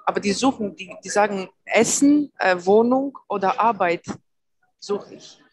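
A young woman from Greece asks a question on a video call, hesitant and searching for words. Her voice is slightly husky, and the sound is dry and close. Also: mid-range voice, unhurried, no echo, low-quality recording. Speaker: student asking a question.

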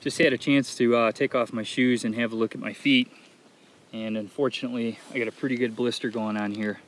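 A man's voice: medium pitch, steady tone, fairly quick, slight background noise. Easygoing man vlogging outdoors in the desert. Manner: easygoing, rambling, reflective, with frequent "uh" and "like". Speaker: solo thru-hiker filming his trip. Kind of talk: casual vlog narration.

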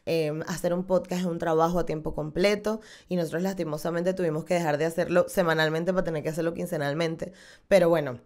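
A woman's voice: on the low side, fast. A woman, hosting a podcast and talking expressively into a studio mic in a small room. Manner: animated, gestures a lot with her hands. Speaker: podcast host. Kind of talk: casual podcast outro. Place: small room with dark wall. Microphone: studio condenser mic on stand.

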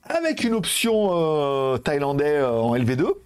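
Tech vlogger, male, loose casual chatter with crude slang, animated pitch. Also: unhurried, clear, resonant tone. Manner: rambling, laughs often, crude slang. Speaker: tech youtuber. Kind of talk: casual chat. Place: Thailand.

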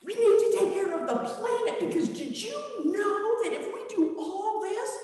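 A woman preacher acts out a crowd of frantic, overeager male disciples, piling plan on plan in a breathless rush. The voice is pitched high and bounces around a long church reverb. It is picked up from far off. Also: moderate pace, a little hiss or hum. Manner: breathless, excited rush of plans. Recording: echoey church, mic far off.

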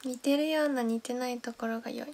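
High-voiced young woman chatting on a livestream. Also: steady tone, fast. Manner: chatty, thanks viewers by name, drops to soft whispers. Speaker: idol livestream host. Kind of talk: casual livestream chat reading comments.

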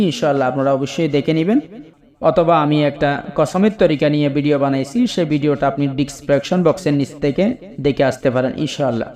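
A man teaching a ritual step by step with a Bangladeshi Bengali accent, repeating himself and reciting chants slowly. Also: a little high, darkish tone. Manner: repetitive, explains step by step, chants incantations slowly. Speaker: spiritual ritual instructor. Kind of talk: spoken how-to instruction.

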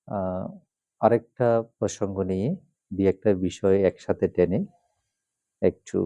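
A Buddhist monk, patiently explaining chant pronunciation and slowly reciting the refuges. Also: male voice, lowish voice, mellow, dry recording. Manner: measured, patient, repeats and spells out syllables.

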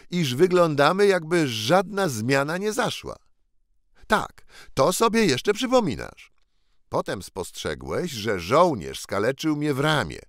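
An earnest, excited pauper boy crowned by mistake , as an audiobook reader puts him on. He presses his reminders with rising, animated urgency, his voice lifted well above an everyday speaking level. The sound is dry and close, with no room around it. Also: on the high side, no room sound, pitched above the performer's own voice.

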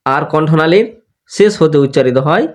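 Man teaching Quran letter sounds slowly. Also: a little high. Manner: repeats letter sounds slowly for learners to copy; explains with everyday examples, asks and answers his own questions. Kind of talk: online tajweed lesson.

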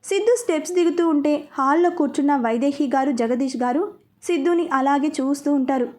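High-voiced woman narrating a story. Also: fairly quick, darkish tone.

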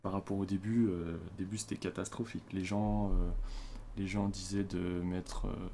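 Chatty French man with low voice. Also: flat delivery, moderate pace, warm tone, slight background noise. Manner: chatty, loose, many fillers and self-corrections. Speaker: tutorial presenter. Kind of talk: casual screen-recorded tutorial.

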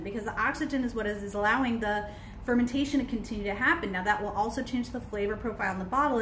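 A woman's voice: fairly high pitch, fairly bright tone, roomy sound, a little hiss or hum, rough recording. Chatty woman teaching brewing on a phone stream. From United States. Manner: chatty and explanatory, many um fillers. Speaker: kombucha brewing educator. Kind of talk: casual livestream teaching. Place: indoors on a couch by large windows. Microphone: phone camera at arm's length.

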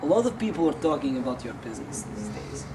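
A man's voice: mid-range voice, big pitch swings, quick pace, close to an everyday voice. A man playing a pompous male reporter with a put-on Russian accent, talking in an overly polite, pleading way. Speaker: interviewer. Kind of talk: comedy skit acting. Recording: noisy amateur camera audio.

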